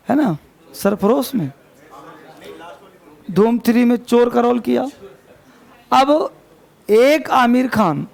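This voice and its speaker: A man's voice: very high voice, vocal fry, darkish tone. A man teaching an English grammar class to students in a classroom, repeating points and scolding chatter affectionately. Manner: addresses students as babu, chiding and repeating.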